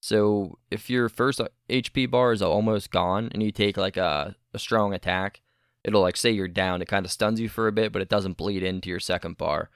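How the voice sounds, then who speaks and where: A man's voice: fairly low pitch, steady tone, moderate pace, smooth, dry recording, clean studio sound. A man co-hosting a casual gaming podcast, rambling and correcting himself as he talks, often laughing. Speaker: podcast co-host.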